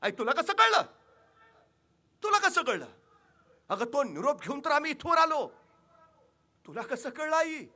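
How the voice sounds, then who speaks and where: A man's voice: a little high, flat delivery, a little slow, sharp tone. A male orator voicing a noble warrior king who speaks in a passionate, declamatory way. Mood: astonished.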